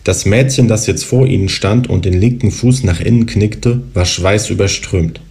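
A man in his thirties reading from his own novel in a calm, even narrative voice. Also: lowish voice, normal speed. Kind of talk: literary reading.

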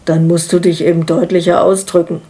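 Woman reading an unhurried distracted husband. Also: lowish voice, fairly even intonation, mellow, natural voice. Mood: offhand. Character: laid-back distracted middle-aged husband.

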